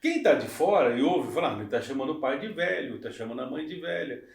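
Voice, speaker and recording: A male pastor in a casual Bible study conversation, explaining calmly and affirming his partner often. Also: fairly high pitch, quick pace, vocal fry, distant mic. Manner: agreeable, explanatory, frequent short affirmations. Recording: echoey room, away from mic.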